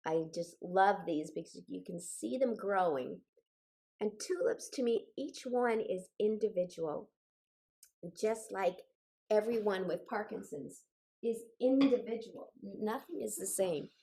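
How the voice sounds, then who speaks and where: Leading a video-call singing class with occasional personal remarks, this older choir director and singing teacher, still getting over a cold, coaches her group warmly but firmly. She speaks a little slowly in a medium-pitched voice that is gravelly, mellow, and slightly rough.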